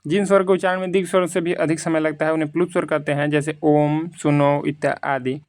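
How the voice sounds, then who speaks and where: स्वर समझाता शिक्षक, थोड़ी ऊँची आवाज़. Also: male voice, a little high, flat delivery, no echo. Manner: reads out options slowly, then explains in casual conversational Hindi. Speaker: Hindi grammar teacher. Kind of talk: quiz lesson, reading questions and explaining answers.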